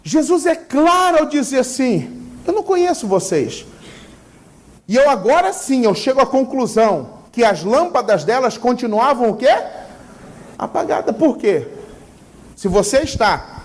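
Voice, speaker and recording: A Brazilian woman preaching a sermon who keeps asking the congregation questions and pausing for their answers. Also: sits high, very animated. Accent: Brazilian Portuguese. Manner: asks the congregation rhetorical questions and leaves gaps for them to answer; fervent and emphatic.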